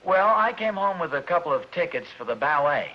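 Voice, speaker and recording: A man's voice: a little high, big pitch swings, fairly quick. A man playing a fretful middle-aged husband and father in a 1950s radio sitcom, talking in an earnest, flustered way. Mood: defensive. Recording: dull lo-fi old radio broadcast.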